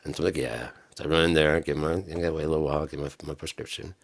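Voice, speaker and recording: Rapid-fire and fairly even in intonation, this man tells a profane, rambling story as a vlogger, laughing a lot in a casual storytelling monologue. His very deep voice is raggedy from smoking and screaming, and there's no room sound.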